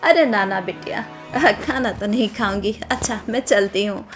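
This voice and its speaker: A woman voicing a kind, humble elderly village aunt in a cartoon story, speaking softly and politely. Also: medium pitch, normal speed, faint music behind, lightly acted. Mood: gentle.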